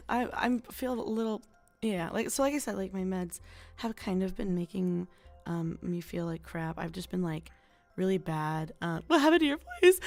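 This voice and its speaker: A woman's voice: mid-range voice, a little mellow. A young woman streaming a casual chat, rambling and chatty with lots of fillers. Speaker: VTuber streamer.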